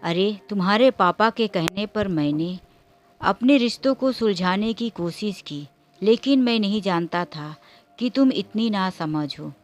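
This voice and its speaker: A woman voicing a hurt young husband who pleads softly. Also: mid-range voice, unhurried, faint music behind, natural voice. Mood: pleading.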